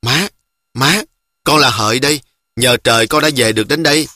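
A man's voice: mid-range voice, moderate pace, bright, forceful tone, no echo, studio quality. A man voicing a young male army deserter who talks earnestly to his mother.

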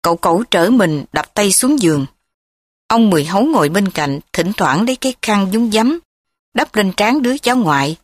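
A woman narrating a story in a steady, plain reading voice. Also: mid-range voice, moderate pace, no room sound.

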